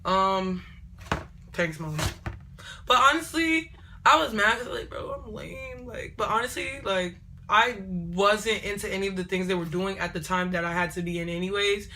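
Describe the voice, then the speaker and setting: A young woman telling a casual storytime on her vlog, animated and digressive, often repeating herself. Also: medium pitch, moderate pace. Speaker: vlogger.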